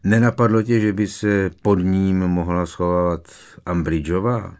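A man voicing a wary, dry-humored teenage boy wizard in his own deep voice in an audiobook reading. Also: little pitch movement, darkish tone.

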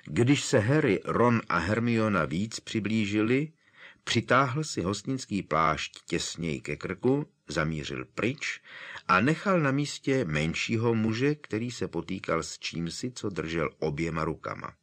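A man narrating an audiobook with expressive, dramatic storytelling. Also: fairly low pitch.

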